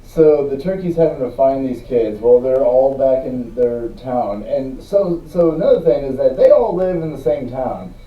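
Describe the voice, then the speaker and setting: A man recounts scenes from a bad movie with a co-host in an easy, relaxed way. His voice sits at an average pitch. The sound is dull, roomy and distant. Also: normal speed, few pauses. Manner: relaxed, retelling scenes, laughs. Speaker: podcast co-host. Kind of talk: casual movie review chat.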